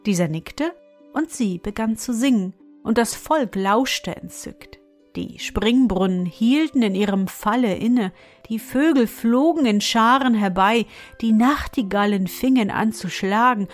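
A woman reading a fairy tale aloud in a calm, measured storytelling manner. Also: a little high, faint music behind. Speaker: narrator.

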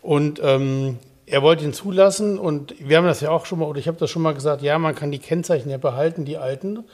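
A chatty man tells a story at length and acts out the phone calls in it. His voice sits a bit high for a man. He talks casually to a co-host. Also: fast, darkish tone. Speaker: podcast host. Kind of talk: casual chat.

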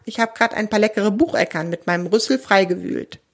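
A woman's voice: medium pitch, fairly quick, close to an everyday voice. A woman voicing a proud, friendly female wild boar in a children's audio story, speaking with dignity and easy indignation. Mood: indignant.

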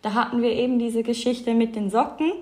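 A woman's voice: fairly high pitch, flat delivery, fairly quick, mellow. A woman in her thirties from Switzerland with a Swiss accent, a company co-founder chatting as a podcast guest with many fillers and frequent laughs. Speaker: fashion label co-founder, guest. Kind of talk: casual podcast interview.

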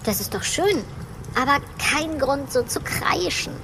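A lively, polite little creature. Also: female voice, sits high, measured pace, slight background noise, full character voice. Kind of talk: children's audio drama.

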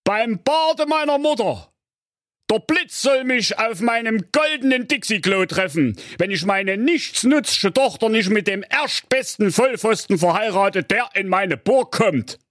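A man's voice: high voice, expressive, unhurried, a bit bright, dry recording, studio quality, voice pushed up. A man voicing a choleric, round old king, blustering and ranting. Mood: swearing.

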